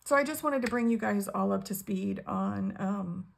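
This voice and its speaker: An older woman hosting her budgeting vlog, talking in a casual, halting way with many pauses and ums, close to tears. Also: mid-range voice, vocal fry. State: tearful, on the edge of crying. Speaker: budgeting channel host. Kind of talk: casual personal vlog talk.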